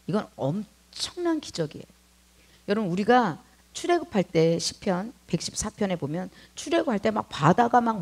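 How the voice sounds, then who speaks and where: A middle-aged woman leads a sermon in a loose, conversational way. Her voice rises and falls widely as she talks, and she keeps turning to the congregation with quick checks for agreement. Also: medium pitch, husky. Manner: colloquial and animated, peppered with tag questions to the congregation. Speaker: mission leader and preacher.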